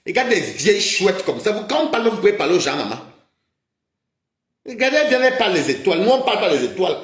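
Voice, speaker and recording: An agitated livestream host scolds and mocks his viewers in a heated rant, calling them maman. His high voice swings widely in pitch and moves fast, in a roomy, echoey recording.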